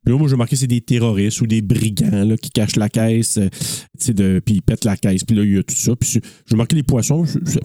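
Chatty Québécois man, dark voice. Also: on the low side, a little fast, no echo, studio quality. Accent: Quebec French. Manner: rambling, lots of fillers and restarts. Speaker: podcast co-host. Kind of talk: casual film podcast chat.

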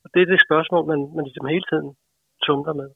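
A man's voice: fairly high pitch, fairly even intonation, creaky, no room sound. A man, an author, talking casually and hesitantly about his writing, with many fillers. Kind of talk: casual interview answer. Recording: tinny, dry phone line.

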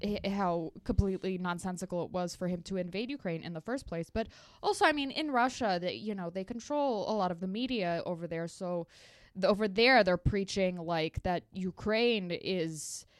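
A woman's voice: on the low side, moderate pace, no echo, clean studio sound. A woman comedian with an Eastern European accent, chatting casually on a podcast and often restarting her sentences. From Los Angeles, United States. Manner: rambling, restarts mid-sentence, laughs easily. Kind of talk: casual chat.

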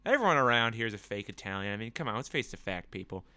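Bright, crisp-voiced man ranting. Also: lowish voice, animated, quick pace. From US Northeast. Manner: rambling, sarcastic, profane, with mocking put-on voices. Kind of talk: casual solo rant.

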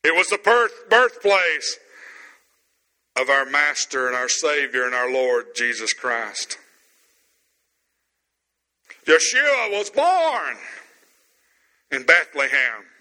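A man preaching a sermon as pastor, stressing words slowly with pauses, in an empty room. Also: mid-range voice, bright, forceful tone, in a large hall, low-quality recording.

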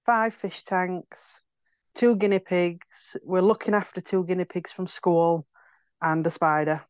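A friendly, relaxed woman guest, an artist, chatting about herself. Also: fairly low pitch, a little slow, clean tone, dry recording. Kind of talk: casual chat. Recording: dull phone call.

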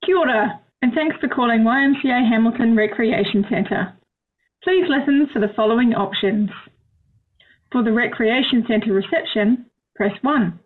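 A woman reading an automated menu over the phone in a clear, formal way. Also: fairly high pitch. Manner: slow, clear, formal announcing. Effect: heard over the phone. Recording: tinny phone line.

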